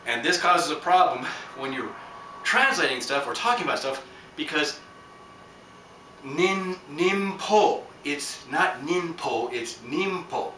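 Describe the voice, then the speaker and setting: This time the Japanese-teaching podcast host sounds on the high side, animated and forceful, with a bright tone at a moderate pace. His casual lesson wanders, jokes around, and is packed with fillers and asides, picked up from a distance in a roomy space with faint hum.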